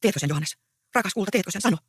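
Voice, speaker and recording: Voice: medium pitch, lively intonation, husky, no echo, clean studio sound. A reader voicing an earnest, anxious young peasant woman in a stage play read aloud. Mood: pleading. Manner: pleading, earnest.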